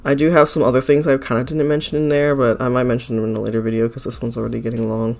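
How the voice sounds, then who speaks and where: An art channel creator rambles in a casual voice-over, his mid-range voice hoarse and gravelly from a recent illness, his nose slightly stuffy. He talks very fast in a level, slightly mellow tone, full of "like" and "uh," and keeps apologizing. Faint music plays in the background.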